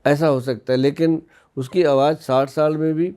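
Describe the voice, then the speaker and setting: A man's voice: fairly high pitch, fairly even intonation, moderate pace, dark tone. A man from India in his fifties, an Ayurvedic expert on a podcast, explaining in a folksy way with personal anecdotes. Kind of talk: casual podcast interview.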